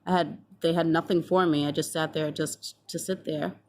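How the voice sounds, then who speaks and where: A woman's voice: deep voice, steady tone, moderate pace, darkish tone, slight background noise. A woman in her twenties telling a personal story to the camera in a chatty, casual way, acting out past conversations and swearing freely. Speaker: vlogger.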